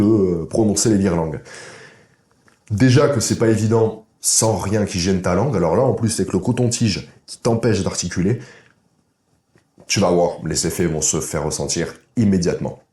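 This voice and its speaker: A blunt, informal man talks straight to the viewer in a coaching vlog, often checking in with a quick "ok?". His voice sits very low and mellow. The room around him is noticeably echoey. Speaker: masculinity and dating coach. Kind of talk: direct-to-camera coaching vlog. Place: indoor room.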